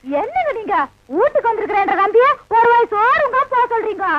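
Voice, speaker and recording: An actress playing a doting village wife and elder sister with a sing-song, pleading way of speaking. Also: female voice, very high-pitched, expressive, brisk, heavy background noise. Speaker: housewife in a comedy film. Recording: dull lo-fi film soundtrack.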